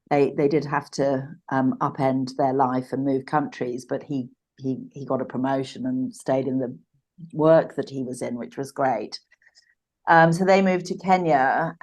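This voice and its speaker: Low-voiced woman in her sixties, reflective. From Uganda. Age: 60s. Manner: reflective, halting, with frequent restarts and fillers. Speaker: podcast guest. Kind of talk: personal storytelling in a podcast interview.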